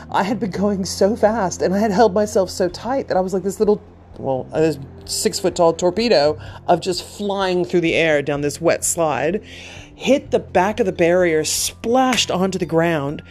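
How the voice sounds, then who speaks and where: Chatty, self-deprecating woman, slightly low voice. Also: measured pace, a little mellow, a little hiss or hum. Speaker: podcast host. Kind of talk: casual personal storytelling.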